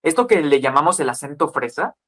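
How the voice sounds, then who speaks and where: His voice slightly high and sing-song, a Guadalajara-accented Mexican man in his twenties talks a little fast as a podcast guest. In relaxed chat he explains things at length in a lecturing manner, listing examples and often ending sentences with tag questions.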